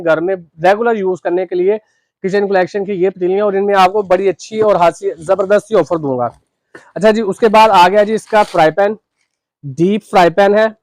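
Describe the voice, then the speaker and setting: A man's voice: high-pitched, a little mellow, no room sound. A man, a shopkeeper chatting casually through a cookware demonstration, adding "ji" to his phrases. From Pakistan. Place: shop.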